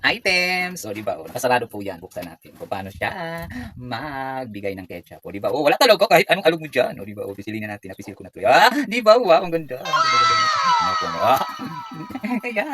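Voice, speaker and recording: A woman chatting excitedly through a cooking and product demo. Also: rumbling low. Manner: chatty, excitable, keeps saying "di ba". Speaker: vlogger. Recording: loud background noise.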